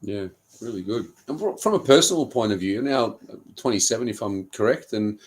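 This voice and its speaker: A man co-hosting a football talk show, asking questions in a measured, slightly hesitant way. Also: fairly low pitch, expressive. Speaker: co-host.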